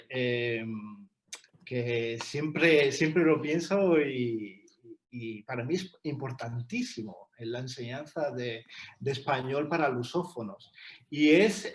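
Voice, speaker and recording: A man co-presenting a textbook in an online talk, speaking in a hesitant way with many fillers and restarts over a video call. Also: on the high side.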